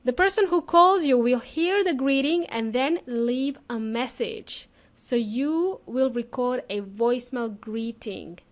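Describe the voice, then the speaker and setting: Speaking slowly with few pauses, this English teacher and podcast host has a fairly high voice. She leads a casual lesson for learners, keeping things chatty, simple and repetitive while talking right to her listeners.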